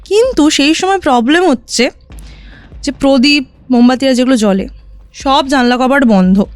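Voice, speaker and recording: A woman telling a listener her own ghost story in a casual podcast chat, vivid and animated, often asking "right?". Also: high-pitched, normal speed, no room sound, faint music behind. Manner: recounts events vividly, often checking in with "right?".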